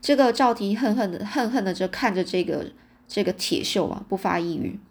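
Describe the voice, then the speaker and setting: A woman's voice: mid-range voice, fairly quick. A woman reading a fantasy novel aloud in a casual, chatty way, sprinkling in little fillers. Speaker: audiobook reader.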